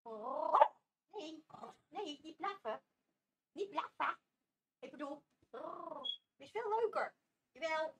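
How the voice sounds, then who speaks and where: High playful woman talking to her dog. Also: expressive, slow pace, pauses often, noisy background. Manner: playful baby talk with frequent laughs. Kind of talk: casual vlog talking to a pet. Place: home with a dog.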